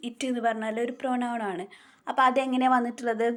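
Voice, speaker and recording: A woman teacher explaining English grammar in Malayalam. She reads English rules out slowly and keeps asking questions that she answers herself. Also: fairly high pitch, level tone, fairly bright tone.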